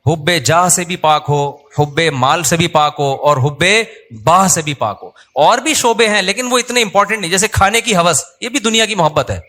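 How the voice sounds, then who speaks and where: Lively, slightly high-voiced male preacher. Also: moderate pace, few pauses. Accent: Pakistani Urdu. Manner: conversational, humorous storytelling with acted quotes. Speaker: Islamic preacher. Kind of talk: sermon.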